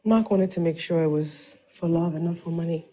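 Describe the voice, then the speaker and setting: An actress playing a gentle, lovelorn young wife, earnest and subdued, in a naturalistic screen drama. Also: female voice, on the low side, fairly quick, slightly rough. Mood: defensive, earnest.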